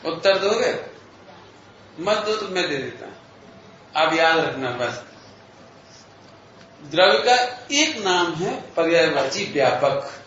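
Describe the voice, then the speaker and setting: A man giving a philosophy lecture to a live audience, explaining slowly and deliberately, questioning his listeners in a playful, teasing way. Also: fairly high pitch, lively intonation, a bit bright, slight background noise. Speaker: religious lecturer. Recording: echoey hall, slightly dull audio.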